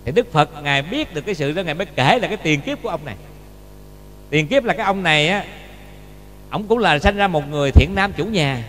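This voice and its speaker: A man's voice: on the high side, animated, quick pace, a bit bright. Man, Buddhist monk, storytelling sermon, faint hum in the background. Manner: storytelling, often asks the listeners rhetorical questions. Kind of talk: dharma talk sermon with storytelling. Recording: long reverb with faint hum.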